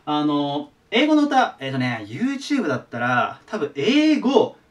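A man's voice: on the high side, wildly swooping pitch, slow. A man giving a casual whiteboard lesson as an online tutor, chatty and sharing his own memory tricks. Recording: voice a bit distant from the mic.

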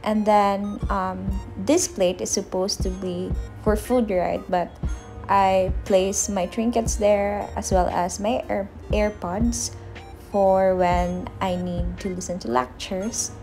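Chatty young woman, slow and easy. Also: mid-range voice, fairly even intonation, low-quality recording. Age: 20s. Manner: chatty, laughs easily, soft-spoken asides. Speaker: vlogger. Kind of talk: casual vlog narration. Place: small apartment room, indoors. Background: background music.

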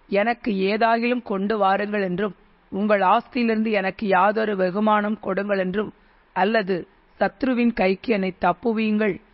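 A man with a high voice reads scripture aloud. His delivery is steady and measured, like a recitation. The recording sounds dull and lo-fi. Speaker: Bible reader. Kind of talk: scripture reading.

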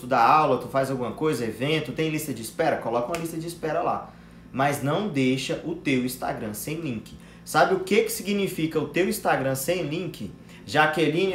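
A young man with a Brazilian accent teaching a live class on online sales, blunt and slangy, swearing and calling viewers brother. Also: fairly high pitch. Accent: Brazilian Portuguese. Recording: echoey room with faint ambient noise.

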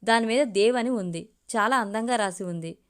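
A woman narrating a family story for an audio storybook in a steady, measured reading. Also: a little high, clear, resonant tone.

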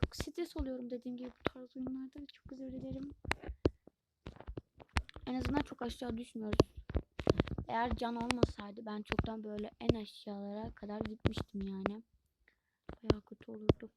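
A woman giving casual let's-play commentary, chatty and easily stressed, with frequent exclamations and soft whispered asides. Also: on the high side, level tone, normal speed, pauses often. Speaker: gaming channel host. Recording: loud background noise with clicks.

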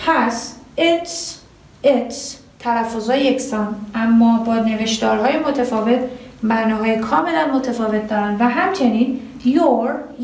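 A woman teaching English grammar at a board, quizzing students and answering herself, drawing out her example sentences slowly. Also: a little high, darkish tone, recorded from a distance. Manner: asks the class questions and answers them herself. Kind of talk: grammar lesson at a whiteboard. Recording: echoey room, voice from off the mic.

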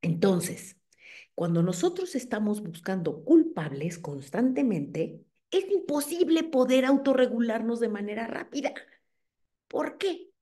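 A middle-aged woman with a Mexican accent, giving an animated talk to a group of mothers and checking in with them as she goes. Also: fairly high pitch, a little slow. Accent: Mexican Spanish. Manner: animated, asks the audience "¿ok?".

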